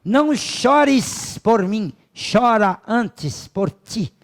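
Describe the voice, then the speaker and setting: A man with a Brazilian accent voicing a calm, condemned old philosopher who speaks in slow, solemn, measured words. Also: high-pitched, voice pushed up, full character voice. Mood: serene. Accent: Brazilian Portuguese.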